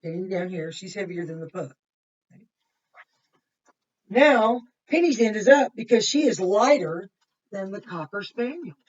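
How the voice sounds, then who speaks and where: In a mid-range, expressive voice, a woman reads unhurriedly with long pauses. She is a kindergarten teacher sharing a picture book with children, offering simple explanations, pointing things out, repeating, and asking questions. Her sound is muffled, captured by a distant microphone.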